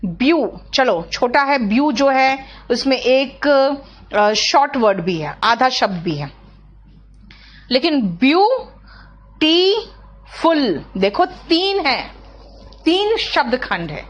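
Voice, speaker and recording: Female teacher, high lively voice, slow deliberate classroom delivery. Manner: explains slowly, drawing out words syllable by syllable; asks students questions, checks understanding. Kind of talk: classroom grammar lesson.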